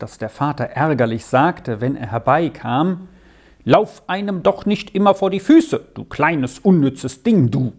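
Gravelly, warm storybook narrator. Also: medium pitch. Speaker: audiobook reader.

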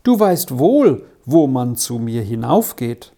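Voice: mid-range voice, big pitch swings, slow pace, mellow, heavily acted. A reader doing a stern, caring village woman. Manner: warning, insistent.

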